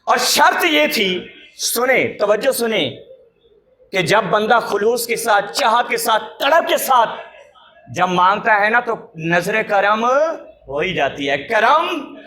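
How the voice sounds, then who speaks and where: A man telling a sermon story in an impassioned way, often rising to a shout. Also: sits high, big pitch swings, roomy sound, a little hiss or hum. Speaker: preacher.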